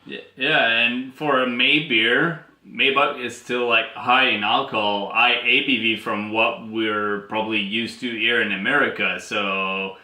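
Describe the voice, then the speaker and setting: A man co-hosting a casual beer chat, explaining in a relaxed, chatty way. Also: medium pitch, measured pace, few pauses. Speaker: co-host of a beer show. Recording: echoey room.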